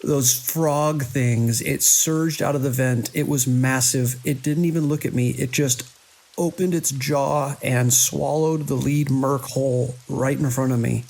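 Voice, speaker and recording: A shaken, haunted hospital director, beleaguered and idealistic, is played by a male actor in a horror audio drama. He speaks with urgent earnestness in halting phrases, his medium-pitched voice steady, creaky and a little mellow.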